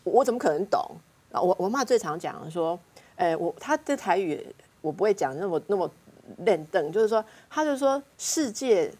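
A woman with a Taiwanese Mandarin accent, a counselor guest on a talk show, telling family anecdotes in a lively way and acting out what her relatives said. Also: medium pitch, normal speed. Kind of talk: casual talk-show storytelling.

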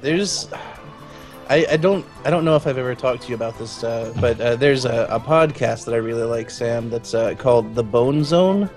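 A man's voice: mid-range voice, normal speed, darkish tone, soft background music. A man chatting casually as a guest over gameplay, with dry, teasing remarks. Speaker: guest co-commentator.

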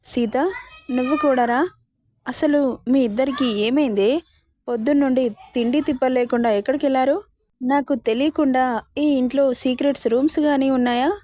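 A fussing, doting mother-in-law from a storybook, full of anxious questions, as a woman narrator puts her on. The voice sits fairly high with a mellow, soft tone. It is recorded close and dry. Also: fairly even intonation, moderate pace, dry recording, natural voice. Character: worried loving middle-aged mother-in-law.

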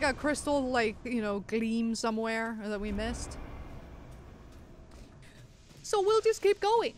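A woman giving casual, chatty commentary while playing a video game, swearing and laughing at herself. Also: fairly high pitch. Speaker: gaming streamer. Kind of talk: casual let's-play commentary. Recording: loud game noise behind voice. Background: game ambience.

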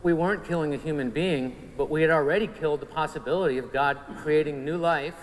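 A brisk, fairly high-pitched man in his forties with a Long Island New York accent earnestly recounts his faith journey as a men's conference speaker. The setting is a large church sanctuary, heard through reverb and faint room noise.

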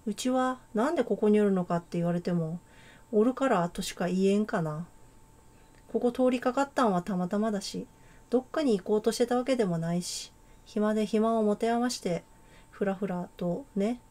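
A woman voicing a laid-back, teasing, boyish girl in a game, speaking in a put-on Kansai-style dialect with a relaxed drawl. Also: medium pitch, normal speed, natural voice. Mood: easygoing. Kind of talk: game dialogue read aloud.

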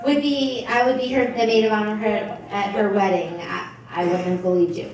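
The maid of honor, a young adult American woman of medium pitch, gives a casual, joking toast with halting pauses, partly read from notes, holding a PA microphone at an indoor reception. Captured from across the table, the sound is echoey and distant in a very noisy hall full of laughing guests.

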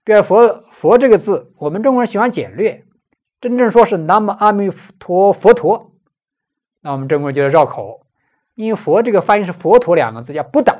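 Woman lecturing on scripture, lively pitch. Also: brisk. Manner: explanatory, asks and answers own rhetorical questions. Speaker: Buddhist lecturer.

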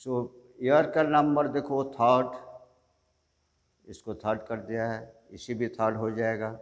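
Slow-talking male art teacher, echoey. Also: medium pitch, muffled recording. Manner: slow step-by-step instructions mixing Hindi and English. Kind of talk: online drawing lesson.

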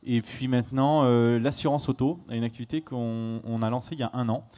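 A man, a company cofounder and CEO, presenting his business on a conference panel in a measured way. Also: medium pitch, steady tone, mellow.

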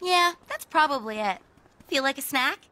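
A woman voicing an earnest, excitable teenage girl in a cartoon. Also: high-pitched, normal speed.

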